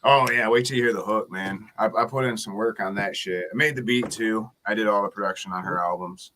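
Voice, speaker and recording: A man's voice: lowish voice, brisk, pushed and bright, slight background noise. A man who is a hip-hop artist, talking casually as a podcast guest in a laid-back, slangy way.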